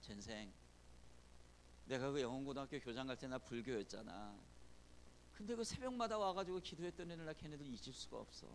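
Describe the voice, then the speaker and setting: Brief: man playing an elderly retired principal, boastful and chatty, lively pitch. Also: a little fast, a little hiss or hum, close to an everyday voice. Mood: grateful. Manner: chatty, boasting, informal speech. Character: retired elderly male school principal, proud and grateful.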